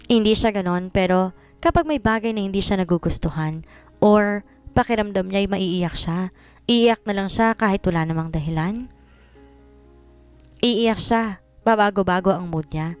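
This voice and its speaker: A woman reading a serialized romance story aloud, in a steady narrating manner. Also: mid-range voice, smooth, no room sound. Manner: steady, mixing two languages.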